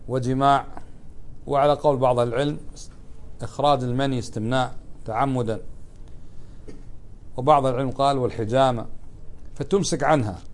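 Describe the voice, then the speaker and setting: Man, religious teacher, classroom lesson, asks and answers questions, mid-pitched voice. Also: steady tone, fairly quick, pauses often. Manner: asks students questions and answers them, conversational.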